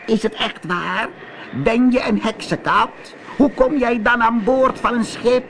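A man voicing a wicked female sea witch in a shrill, screeching, threatening voice. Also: measured pace, fairly bright tone, slight background noise, heavily acted. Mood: commanding.

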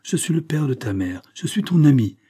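A man doing a grave, gentle old grandfather. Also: fairly high pitch, sing-song, normal speed, breathy edge, pitched above the performer's own voice. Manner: grave, tender.

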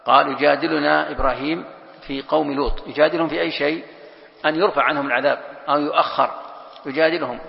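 A sheikh gives a classroom lesson on Quran commentary, reading a passage aloud and then breaking it down with rhetorical questions. His voice is raised slightly and heavily gravelly. It carries a long echo through a hall on a dull, lo-fi recording. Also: fairly high pitch, steady tone, quick pace. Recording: echoey hall, dull lo-fi sound.

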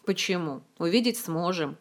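A woman's voice: lowish voice, lively intonation, moderate pace. A woman voicing a gloomy, blunt male prince who speaks sullenly and to the point.

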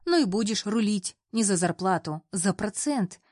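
A woman's voice: mid-range voice, lively intonation, moderate pace, a little mellow, no room sound, clean studio sound, close to an everyday voice. Woman voicing a coaxing older uncle. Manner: coaxing, folksy. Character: older man, cheerful, persuasive uncle.

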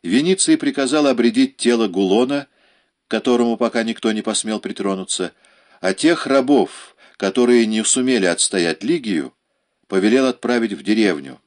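A man reading a historical novel aloud as an audiobook narrator, measured and dramatic. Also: on the low side, expressive. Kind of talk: scripted narration.

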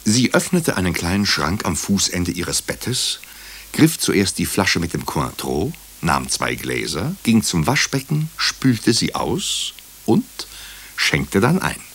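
An actor narrates a German radio drama while playing a wry doctor who doubles as an amateur sleuth, in a husky, gravelly, dryly humorous voice. The male voice is low yet fairly bright, very animated and heavily acted, delivered slowly in a dry narrating mood.

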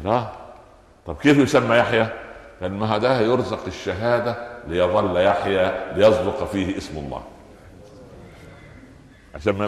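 Man, Egyptian accent, Friday sermon, rhetorical questions, loud-to-soft swings, echoey hall, long reverb. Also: lowish voice. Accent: Egyptian Arabic. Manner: emphatic, poses rhetorical questions and answers them; rises to loud peaks and drops to soft asides. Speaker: preacher. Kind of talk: Friday sermon, Quran commentary.

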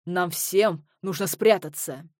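A measured, formal badger who runs the hotel, voiced by a woman reading a storybook. He talks slowly and tries to reassure. The sound is dry and close. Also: fairly low pitch, a little mellow, no room sound. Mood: urgent. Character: badger hotel owner, male, formal and steady.

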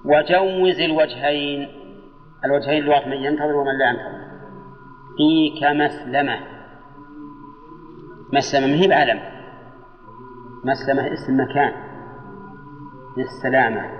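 Older man, grammar teacher, measured delivery, lo-fi tape, long hall reverb, faint hiss. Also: medium pitch. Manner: measured, drawing out quoted examples. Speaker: Islamic scholar teaching Arabic grammar. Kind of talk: classroom lesson with questions to students. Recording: dull old lecture tape in a reverberant hall.

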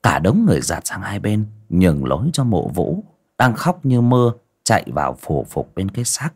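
A man narrates a rural ghost story on a livestream, his low voice gravelly with fry. His pitch rises and falls a lot as he leans into the tale, with hesitant restarts and repeated words along the way. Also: big pitch swings, normal speed.

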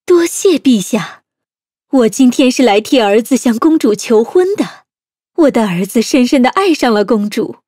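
A woman's voice: a little high, lively intonation, moderate pace, dark tone, no echo, studio quality. A woman voicing a worried, scolding middle-aged mother in a children's audio story. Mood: humble.

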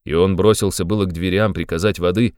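A man reading a novel aloud as narrator, in a low, measured storytelling voice. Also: steady tone, darkish tone, clean tone, dry recording, clean studio sound. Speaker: audiobook narrator. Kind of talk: scripted narration.

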